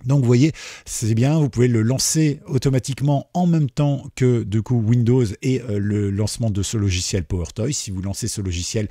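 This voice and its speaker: A man hosting a screen-recorded software tutorial, talking in a relaxed, chatty way with many fillers. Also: mid-range voice, normal speed, no room sound, clean studio sound. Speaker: tutorial host.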